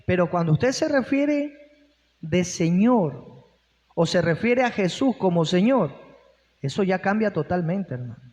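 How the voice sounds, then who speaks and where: A man's voice: high voice, sing-song, unhurried, a little mellow. A male pastor preaching a sermon, posing rhetorical questions and breaking in with exclamations of praise. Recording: long hall reverb.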